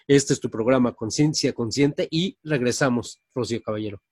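A man hosting a radio talk show and reading a studio ad in a brisk announcer manner. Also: mid-range voice, a little mellow, slightly rough, no echo. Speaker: radio host and ad voice.

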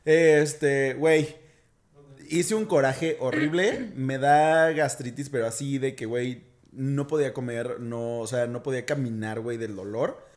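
A man's voice: medium pitch, unhurried, darkish tone. A young man with a Mexican accent, chatting casually as a podcast co-host, slangy and profane as he tells his story. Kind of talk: casual chat.

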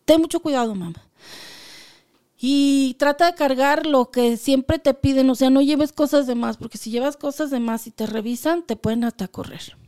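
A woman with a high voice tells her stories as a podcast guest. She slips into the voices of the people in them as she goes. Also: moderate pace, clean tone. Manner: animated, acts out quoted dialogue. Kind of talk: conversational storytelling.

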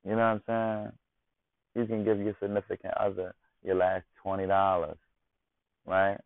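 Male podcast host, low and gravelly, streetwise casual talk, dry phone-quality audio. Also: completely flat delivery, normal speed, no echo. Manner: slangy, constantly asks "you know what I'm saying". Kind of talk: casual monologue. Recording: tinny phone-like dry sound.

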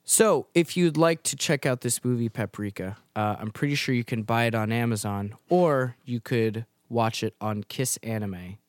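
A man's voice: mid-range voice, moderate pace, hardly any pauses, dry recording, clean studio sound. A man co-hosting a casual podcast chat who swears and repeats words when he starts a sentence. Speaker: podcast co-host.

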